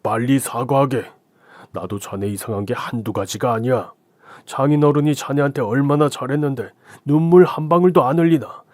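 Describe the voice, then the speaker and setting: A man's voice: medium pitch, normal speed, darkish tone, dry recording, clean studio sound, close to an everyday voice. A man voicing a stern older family friend, a company director who lectures in an old-fashioned way. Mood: stern, rebuking.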